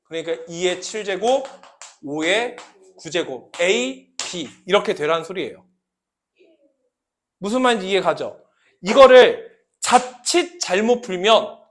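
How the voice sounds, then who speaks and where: A male math teacher lectures a class in a high voice. He talks slowly and leans on key terms. He checks often with questions to his students. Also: fairly bright tone.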